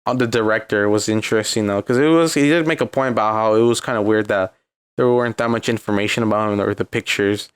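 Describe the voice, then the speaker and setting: On a casual podcast, a young co-host with a Californian accent retells a video at a quick pace, rambling and stuffing in filler after filler, especially "like." His voice is on the low side with a clean tone.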